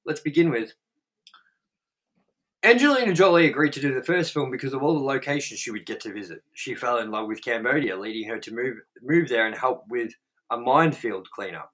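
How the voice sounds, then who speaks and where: A young man co-hosting a movie review show reads out movie trivia in a medium-pitched, expressive voice that is a little fast and fairly bright. He rambles bluntly, swears, and fills his casual chat with "like." The audio quality is poor.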